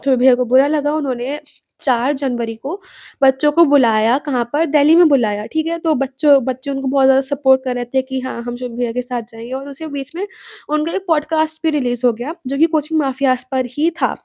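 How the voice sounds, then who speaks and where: A woman's voice: sits high, fairly even intonation, brisk, dark tone, no room sound, studio quality. A young woman student talking straight to her viewers, lecturing them and asking pointed questions. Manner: direct, lecturing, asks the audience pointed questions. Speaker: student commentator. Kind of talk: casual commentary to viewers.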